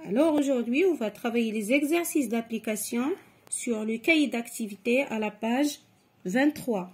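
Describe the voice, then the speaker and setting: A woman's voice: a little high, moderate pace. A woman teaching a grammar lesson to children, explaining patiently and step by step. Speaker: French teacher.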